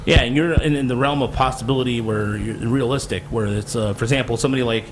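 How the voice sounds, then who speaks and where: Casting: Michigan-raised male podcast host, blunt and animated, faint noise in the background. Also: mid-range voice, quick pace. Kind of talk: casual sports chat.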